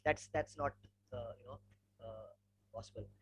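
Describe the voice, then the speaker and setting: A man's voice: mid-range voice, moderate pace, fairly bright tone. A man with an educated, posh Indian English accent gives an informal slide presentation, telling anecdotes in a discursive, conversational way. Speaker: webinar speaker, environmental educator and trek leader. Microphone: online webinar microphone. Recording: clearly noisy webinar audio with hum.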